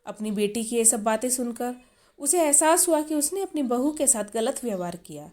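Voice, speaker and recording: A woman narrating a scripted storybook tale in a plain, even storytelling manner. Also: on the high side, normal speed.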